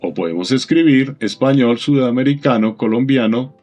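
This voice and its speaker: A man narrating a software tutorial in a calm, methodical, instructive voice-over. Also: mid-range voice, normal speed, highs cut off, faint music behind.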